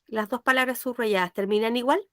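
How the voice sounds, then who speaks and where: Teaching a language lesson, a woman speaks briskly in a fairly high, pushed, bright voice. She patiently quizzes her pupils and makes sure they are keeping up, and her voice sounds close and dry with no echo at all.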